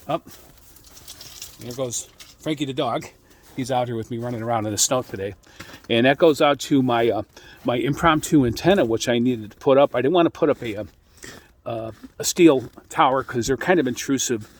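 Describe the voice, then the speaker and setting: A middle-aged American man giving an informal, rambling explanation as a radio hobbyist, speaking in a halting way. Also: medium pitch. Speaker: amateur radio hobbyist hosting an introductory video.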